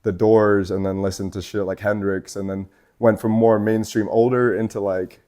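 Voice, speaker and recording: A man's voice: fairly low pitch, flat delivery, normal speed, warm tone. A young man from Scotland, a guest artist in a tattoo shop, chatting casually in a loose, rambling way full of fillers and swearing. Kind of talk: casual chat.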